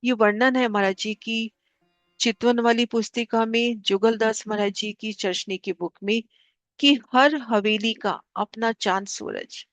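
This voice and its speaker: Woman, devotional class teacher, calm guiding manner, repeats figures, dry close recording. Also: fairly high pitch, a little slow, dry recording, soft background music. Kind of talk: devotional lesson explaining maps.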